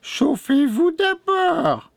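A man's voice: extremely high pitch, sing-song, creaky, no room sound, voice pushed up, heavily acted. A man voicing a sly, limping old witch woman with a sugary, wheedling manner in a storybook reading. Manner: honeyed, wheedling, drawn-out moans. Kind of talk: storybook read-aloud.

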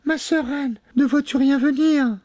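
A man voicing a frightened young noblewoman in a high falsetto, pleading and tearful, in a storybook reading. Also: unhurried, a little mellow, dry recording. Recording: dry studio sound.

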